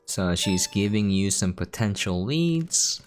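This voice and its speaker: A low, expressive male voice takes its time explaining gameplay informally to viewers, with slight background noise. He's a game streamer giving a preview over game music.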